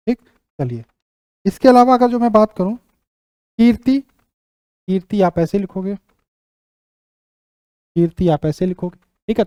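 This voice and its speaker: A man's voice: high-pitched, dark tone, no echo, studio quality. A young man teaching an exam-prep lesson, repeating each word as he writes it out and checking in with his students. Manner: repeats words while writing them out, checks in with "ठीक".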